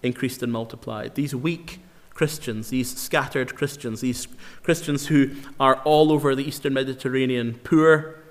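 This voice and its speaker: A man preaching a sermon in an earnest, emphatic way, slowing down to repeat key phrases for weight. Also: medium pitch, steady tone. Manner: earnest, emphatic, with slow dramatic repetitions. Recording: long hall reverb.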